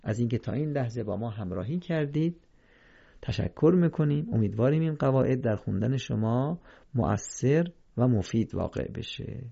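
Gravelly, dark-voiced male teacher. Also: mid-range voice, expressive, lo-fi sound. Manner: slow and careful, repeats examples, stresses correct versus wrong readings. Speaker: Quran reading teacher. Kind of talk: recorded lesson on Quran recitation rules.

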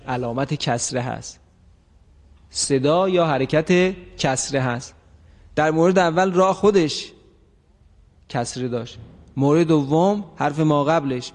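A man teaching the rules of Quran recitation, stretching out example words slowly and putting questions to the class that he answers himself. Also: a little high, big-room sound. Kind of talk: tajweed lesson.

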